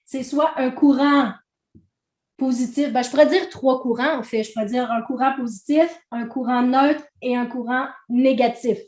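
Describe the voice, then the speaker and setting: A woman trainer with a Québécois accent explains ideas to a group in a relaxed, conversational way. Her voice sits a little high, and she keeps checking in with the listeners. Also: moderate pace, roomy sound. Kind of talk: teaching a training session.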